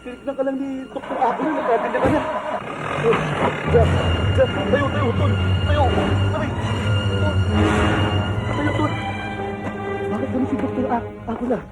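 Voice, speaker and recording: Loud teasing buddy, high voice, heavy music behind. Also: male voice, sing-song, normal speed, long pauses, poor audio. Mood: excited. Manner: pushy, teasing, calls friend "tol". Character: brash buddy egging on his friend. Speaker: sidekick friend in a comedy film. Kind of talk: film comedy acting.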